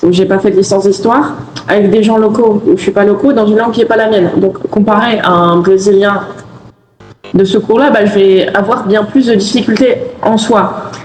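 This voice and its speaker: A woman's voice: mid-range voice, steady tone, normal speed, darkish tone. Young French woman in an echoey room. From France. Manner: reflective, explains at length. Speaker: guest, exchange student. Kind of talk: casual interview. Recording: echoey room, faint noise.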